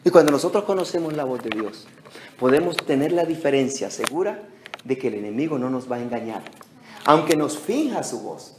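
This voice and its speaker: A male pastor preaching a sermon with animated delivery, acting out short phone conversations and repeating words as he restarts phrases. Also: medium pitch, fairly quick. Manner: animated preaching that acts out little phone dialogues. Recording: echoey hall with faint background noise.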